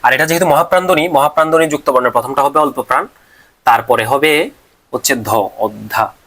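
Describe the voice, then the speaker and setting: A man, teaching a class. He asks questions and answers them himself, and sounds out syllables slowly. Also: on the high side, steady tone, fairly bright tone. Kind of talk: classroom lecture on pronunciation rules.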